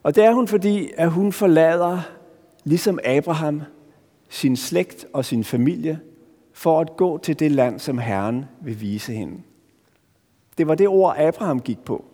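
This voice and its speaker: A man's voice: a little high, expressive, warm tone. Earnest male pastor in a reverberant church. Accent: Danish. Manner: earnest, searching, with frequent restarts and emphatic pauses. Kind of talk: sermon.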